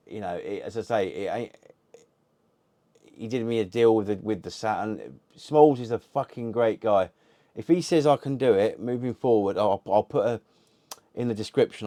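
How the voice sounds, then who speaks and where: A man's voice: fairly low pitch, mellow, dry recording. A man hosting a retro gaming channel, chatting casually to camera in a rambling way, swearing constantly and restarting sentences. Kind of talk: casual unboxing chat to camera.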